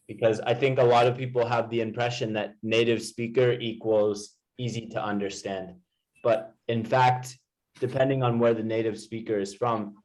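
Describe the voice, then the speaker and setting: A man's voice: lowish voice, darkish tone, poor audio. A man tutoring English one to one, explaining informally with everyday examples. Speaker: English teacher.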